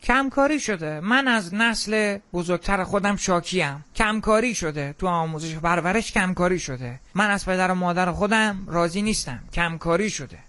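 A young man giving an animated, opinionated monologue, emphatic and full of quoted asides. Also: high voice, hardly any pauses. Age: young adult. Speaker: commentator who has attended radio meetings.

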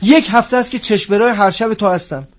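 An actor playing a stern middle-aged police officer who is also an uncle, talking in a gruff, scolding way, in a radio drama. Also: male voice, medium pitch, lively intonation, a little mellow, natural voice.

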